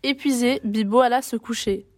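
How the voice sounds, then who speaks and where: A woman narrating a storybook tale in an expressive, dramatic reading. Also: on the high side, moderate pace, slight background noise.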